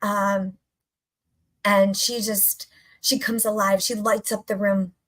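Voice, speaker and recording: A woman's voice: medium pitch, level tone, slow pace, fairly bright tone. A woman coach giving an emphatic, enthusiastic motivational talk, repeating phrases for effect. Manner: enthusiastic, upbeat. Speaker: health and mindset coach.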